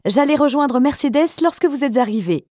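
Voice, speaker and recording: Woman playing an earnest young sailor, emotional, fairly high voice, dry close sound. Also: expressive, fairly quick, mellow, no room sound. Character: eager young male sailor, twenty.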